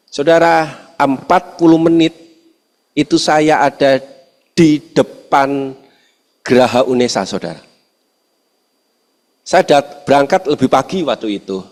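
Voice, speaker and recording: Pastor in a reverberant hall. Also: male voice, fairly high pitch. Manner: addresses the congregation often, shifts between lively and hushed. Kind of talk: storytelling sermon.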